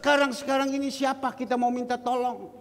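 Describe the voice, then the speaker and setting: A man preaching a sermon as pastor, speaking straight to his congregation and reading scripture verses slowly. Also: very high-pitched, flat delivery. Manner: addresses the congregation directly, quotes scripture slowly. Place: church hall. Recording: long church hall reverb.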